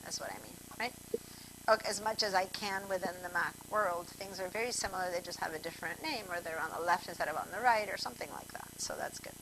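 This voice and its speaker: This Argentine woman speaks fast in a lowish voice, with noise in the background. She's running an online computer class by video call, addressing her students directly and drifting off on chatty tangents.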